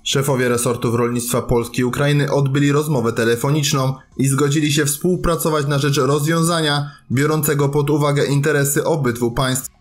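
A man reading scripted news narration as a voice-over, reporting in a formal written style. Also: fairly high pitch. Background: background music.

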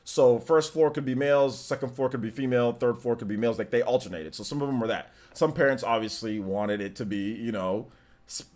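Answering his chat in a laid-back stream from his home gaming setup, a man in his thirties talks loosely, laughs often and circles back over the same points. His voice is medium in pitch, somewhat dark, and a touch fast.

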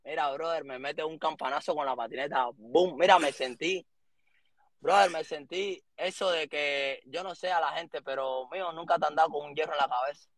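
A man in his thirties from Cuba with a Cuban accent, telling a story as an interview guest in lively street slang. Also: fairly high pitch, normal speed, dry recording. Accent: Cuban Spanish. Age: 30s. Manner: animated street slang, acts out quotes.

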